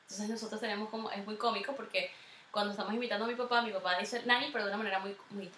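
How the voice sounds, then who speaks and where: Fast bright Venezuelan woman. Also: mid-range voice, steady tone, a little hiss or hum. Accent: Venezuelan Spanish. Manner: quick, bright, emphatic. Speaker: podcast co-host. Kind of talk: casual podcast chat. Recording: echoey room, sits far from the mic.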